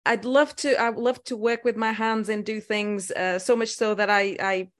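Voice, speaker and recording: A middle-aged woman from Portugal with a Portuguese accent, talking as a guest on a casual interview podcast, thoughtful and pausing often with fillers and restarts. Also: medium pitch, fairly even intonation.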